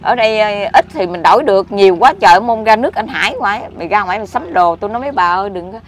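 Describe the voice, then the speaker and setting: A middle-aged woman with a Southern Vietnamese accent, rambling excitably and scolding in a street conversation. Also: mid-range voice, very fast. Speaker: interviewee. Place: outdoors by a street. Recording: loud street traffic behind.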